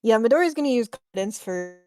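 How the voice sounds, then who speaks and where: A woman's voice: fairly high pitch, animated, fast, a little mellow. A woman playing a tabletop game, chatting casually, laughing easily and explaining game lore. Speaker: player.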